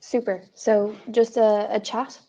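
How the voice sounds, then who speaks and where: Chatting over a video call, this young tutor from Ireland speaks with an Irish accent in a mellow, medium-pitched voice and a level tone. She teaches English in a casual conversation lesson, offering friendly encouragement and quick affirmations, and the sound is lo-fi.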